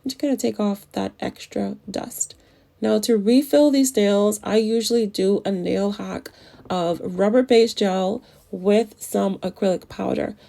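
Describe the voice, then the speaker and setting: A woman with a medium-pitched, creaky, mellow voice narrates a casual nail tutorial, chatty and enthusiastic about products. Her voice still sounds a little off as she recovers from the flu.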